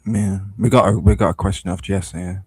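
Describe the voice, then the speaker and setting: This is an easygoing man in his early thirties with a low voice. He is recorded dry and close, and he chats in a relaxed, friendly way. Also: fairly quick, breathy edge, no echo. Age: 30s. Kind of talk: casual chat.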